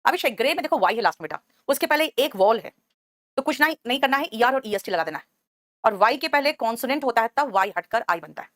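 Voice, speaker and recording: A woman's voice: fairly high pitch, lively intonation, fast talker, fairly bright tone, no room sound, clean studio sound. A woman teaching English grammar in an online class. She explains patiently, calls students by name and "beta", and keeps checking with "right?".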